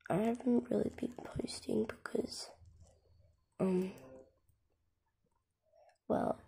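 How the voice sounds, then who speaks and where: An Australian girl with a croaky, cold-roughened voice runs a gaming channel and gives a casual tour of her game, filmed at home on a phone camera pointed at her laptop screen. Her fairly high voice stays fairly even and slow, soft and almost whispered, as she rambles with plenty of "like" and "um."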